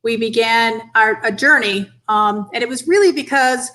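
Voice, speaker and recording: Woman in her 50s from the us northeast, earnest interview chat, crisp bright voice. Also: on the high side, moderate pace. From northeastern United States. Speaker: interview guest, children's cancer charity director. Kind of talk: conversational interview answers. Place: indoors on an online call.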